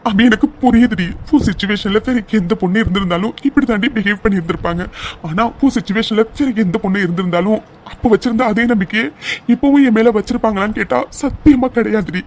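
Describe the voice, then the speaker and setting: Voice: mid-range voice, fast, a little mellow, a little hiss or hum, natural voice. Someone voicing a tearful pleading young husband. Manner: pleading, tearful, repeats himself. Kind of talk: cartoon serial dialogue.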